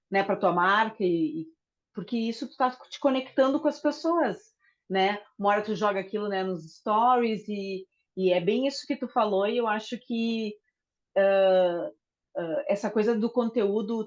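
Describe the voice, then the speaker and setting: A woman guest on a podcast, talking in a relaxed, conversational way, often checking in with tag questions. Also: medium pitch, moderate pace. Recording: dull lo-fi sound.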